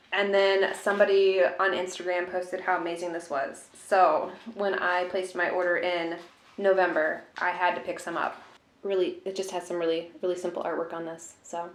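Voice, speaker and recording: A woman vlogger chatting casually through an unboxing, in an informal, rambling and musing way. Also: on the low side. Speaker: tea vlogger. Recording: roomy, echoey room sound.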